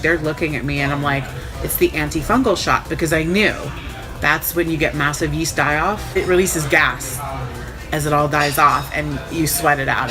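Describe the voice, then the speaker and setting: Casting: woman with a low voice, frank and sardonic storyteller, sore and recovering post-op, music underneath. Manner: frank, wry, sarcastic. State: sore and recovering a day after surgery. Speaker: vlogger recounting own surgery. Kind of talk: casual first-person storytelling.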